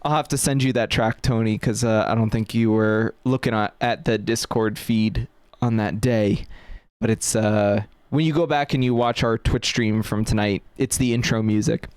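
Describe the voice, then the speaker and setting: A man's voice: fairly low pitch, fairly even intonation, normal speed, darkish tone, clean tone, dry recording. A man hosting a casual chat, rambling with lots of fillers and restarts. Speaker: podcast host.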